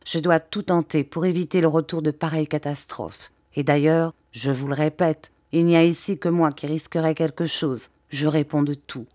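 A woman's voice: deep voice, fairly even intonation, warm tone, dry recording, clean studio sound, natural voice. A woman voicing a composed English scientist. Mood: grave. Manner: measured, formal speech. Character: composed English male scientist, grave and formal.

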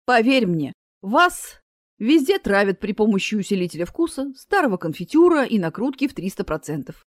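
A woman's voice: medium pitch, sing-song, normal speed, no room sound. Woman doing Death as a female mentor, stern, curt, sardonic, matter-of-fact, dry close sound, storybook.

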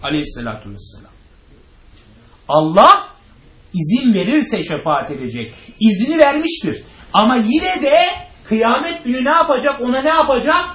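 Animated man lecturing in a roomy hall. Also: very high-pitched, moderate pace, dull audio. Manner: rhetorical, answers his own questions; addresses listeners directly. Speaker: religious teacher. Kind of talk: lecture to a class.

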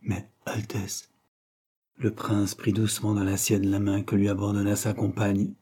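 Guy reading an old romance novel aloud, deep-ish and husky, unhurried. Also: completely flat delivery, warm tone. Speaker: narrator. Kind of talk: audiobook narration of a romance novel.

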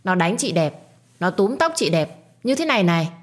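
A woman's voice: lowish voice, sing-song, moderate pace. A woman voicing a simple-minded, childlike young man in a storybook reading, blunt and protective.

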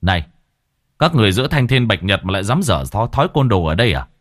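A man's voice: fairly low pitch, sing-song, quick pace, a bit bright, no echo, studio quality. A man voicing a wealthy man in his forties who scolds sternly.

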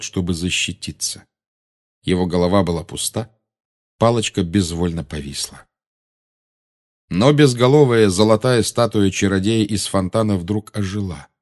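A man narrating an audiobook with an expressive, dramatic reading. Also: fairly low pitch.

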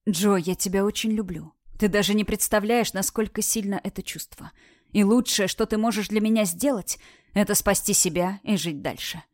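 A woman's voice: medium pitch, moderate pace, a little mellow, dry recording, clean studio sound, close to an everyday voice. A woman voicing a badly wounded young man who speaks firmly and tenderly, in an audiobook reading. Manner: firm, pleading.

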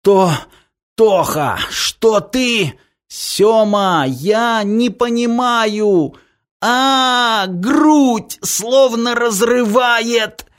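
A man's voice: very high-pitched, a bit bright, pitched above the performer's own voice, full character voice. A man voicing a terrified young male fighter in agony in an audiobook, crying out and stammering. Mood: agonized. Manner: crying out in pain, halting.

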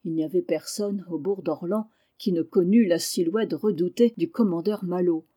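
A woman reading a novel aloud in measured, expressive narration. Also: fairly low pitch. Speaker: audiobook reader.

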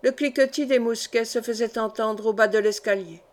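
A woman reading an audiobook of a historical novel in an even, measured way. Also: on the high side. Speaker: audiobook reader.

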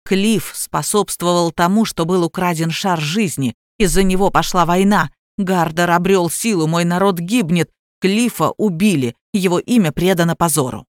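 A woman's voice: lowish voice, moderate pace, few pauses, no echo, clean studio sound, lightly acted. A woman voicing a man, an obsessive gamer who thinks he is a god, smug and domineering, in an audiobook reading. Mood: furious. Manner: smug, then shrieking in fury. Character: self-styled god, obsessive male gamer.

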